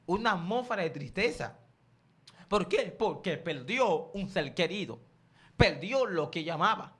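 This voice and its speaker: High-voiced man preaching a sermon. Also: a bit bright. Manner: asks the listeners rhetorical questions and answers them himself; calls on the congregation to respond.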